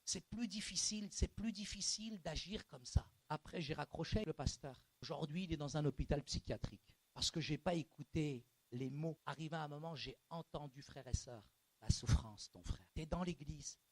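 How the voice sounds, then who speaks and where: A male pastor preaching a sermon in a church, animated and colloquial, moving from hushed lines to shouting. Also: fairly high pitch, moderate pace. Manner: colloquial street slang.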